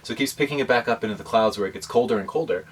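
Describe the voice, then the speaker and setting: A man chatting casually in a vlog about life in a converted bus, explaining things in a relaxed, rambling way with fillers. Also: mid-range voice, racing, slightly rough. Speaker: vlogger. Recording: distant mic with faint background noise.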